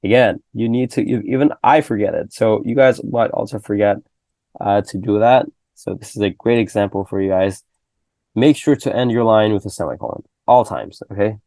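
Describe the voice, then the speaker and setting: Young male tutor, dark gravelly tone, laid-back conversational delivery. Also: lowish voice, moderate pace, no room sound. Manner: loose and conversational, full of "okay?" and "right?" checks. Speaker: programming tutor. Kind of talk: casual screen-recorded coding lesson.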